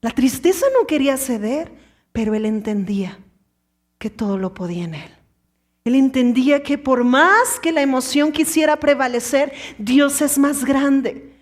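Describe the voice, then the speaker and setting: A woman in her thirties preaching an impassioned sermon, swinging from loud exhortation to hushed whispers. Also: sits high, expressive, unhurried. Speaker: pastor.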